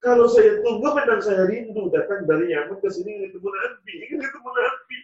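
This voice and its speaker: A man's voice: high-pitched, quick pace, pitched above the performer's own voice, natural voice. A male preacher voicing a humble young man who longs to meet the Prophet, with a pleading, tearful tone. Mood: longing, pleading. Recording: distant, roomy, dull sound.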